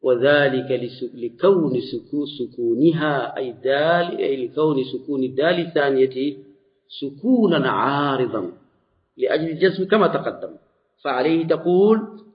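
A man teaching a classical Arabic morphology lesson, explaining slowly and deliberately with frequent restarts. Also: medium pitch, expressive. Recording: dull lo-fi recording.

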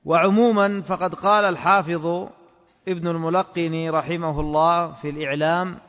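High-voiced man teaching, echoing hall. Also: fairly even intonation, a bit bright. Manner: repeats phrases slowly as if for dictation; measured, scholarly explaining tone. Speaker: teacher of hadith commentary. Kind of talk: classroom lecture explaining a classical text.

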